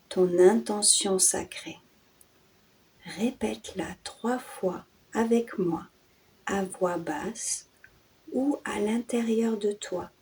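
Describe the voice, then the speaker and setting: Long pauses separate the short, breathy-ended phrases of a woman guiding a yoga nidra and hypnosis meditation on her channel. She sounds soothing and hushed in a mid-range voice, though the audio quality is poor.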